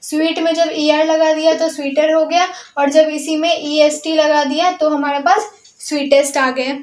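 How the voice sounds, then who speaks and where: A woman's voice: high-pitched, level tone, roomy sound, rough recording. A woman with an Indian accent teaching an English grammar lesson, explaining step by step in a mix of Hindi and English and often checking that the class follows. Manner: explains slowly, switching between Hindi and English, checking in with "ठीक है".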